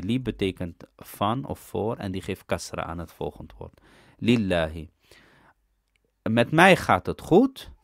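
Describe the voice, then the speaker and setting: Slow, animated man teaching Arabic grammar. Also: lowish voice, dry recording, studio quality. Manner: explains step by step, asks "ja?" to check understanding. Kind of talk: recorded language lesson.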